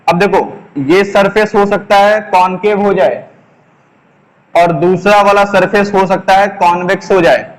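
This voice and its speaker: A male teacher giving a classroom lesson, speaking slowly, repeating key terms and asking the class questions. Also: sits high, little pitch movement. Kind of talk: classroom lesson, explaining while writing on a board. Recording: long echoing reverb.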